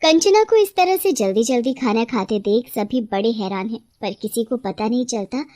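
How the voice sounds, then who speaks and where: A woman narrates a cartoon story in a steady, even storytelling manner. Her voice sits high. The recording is dry and close. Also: moderate pace, no echo.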